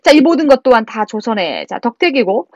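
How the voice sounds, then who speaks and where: Brisk woman teacher with a high voice. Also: sing-song, a little mellow, dry recording, dull audio. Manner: brisk, keeps saying "자", chatty asides to students. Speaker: literature teacher. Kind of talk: exam-prep lecture.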